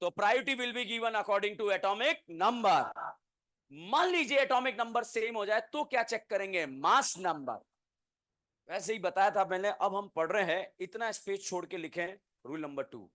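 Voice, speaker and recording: A man teaching a chemistry class, asking the students quick questions and answering them himself, then dictating notes word by word. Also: high-pitched, animated, a bit bright. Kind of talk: classroom lecture.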